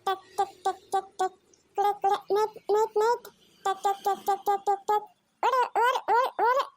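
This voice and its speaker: Woman acting as a little cartoon boy, clingy and tearful, very high piping voice, dry close sound. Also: level tone, moderate pace, dry recording. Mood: playful. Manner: whiny, repetitive pleading.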